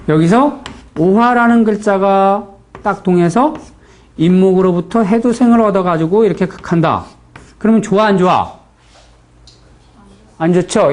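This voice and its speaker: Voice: mid-range voice, a little mellow. Blunt, folksy Chungcheong Korean lecturer. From Chungcheong region, Korea. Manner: blunt and folksy, with frequent rhetorical check-in questions. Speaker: fortune-telling teacher. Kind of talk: classroom lecture.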